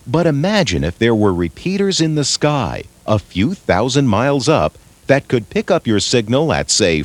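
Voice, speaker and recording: A man reading scripted instructional narration with a clear, explanatory delivery. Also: medium pitch.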